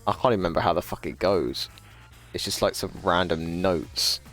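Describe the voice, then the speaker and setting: A livestreamer in his twenties chats casually and profanely with his audience, rambling and laughing often. His low voice moves at a moderate pace and sounds a bit bright, with faint music behind.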